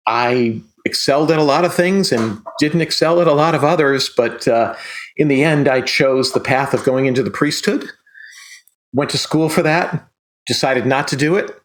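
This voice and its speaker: A man in his sixties from western Massachusetts, talking as a podcast guest in a relaxed, chatty way with small restarts. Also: mid-range voice. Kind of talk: casual interview talk.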